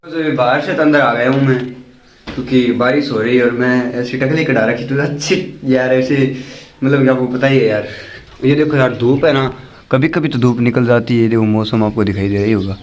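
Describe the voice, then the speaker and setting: A man chats away in a casual vlog at a medium, everyday pitch, walking between his home and the lane outside during rain. He keeps pointing things out to his viewers in a loose, chatty way, speaking into a handheld phone camera. A faint outdoor ambience sits behind his voice. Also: normal speed, dull audio, slight background noise. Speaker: vlogger.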